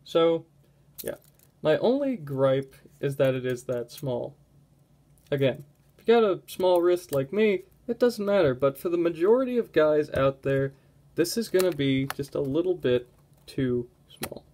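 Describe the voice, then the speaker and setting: A man's voice: fairly high pitch, unhurried. Casual young man reviewing a watch. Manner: relaxed, rambling, self-interrupting. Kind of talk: casual product review vlog.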